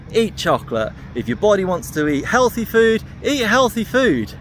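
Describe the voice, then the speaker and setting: A man in his thirties giving an encouraging, emphatic motivational vlog talk to camera, held at arm's length outdoors. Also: fairly high pitch. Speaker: running vlogger and host. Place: outdoors in grassy park. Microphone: handheld camera at arm's length. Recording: outdoor ambience and noise.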